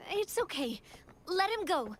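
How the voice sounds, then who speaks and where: A woman voicing a calm, wise young queen in a video game, speaking with gentle, measured authority. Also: very high-pitched, a little hiss or hum, exaggerated voice.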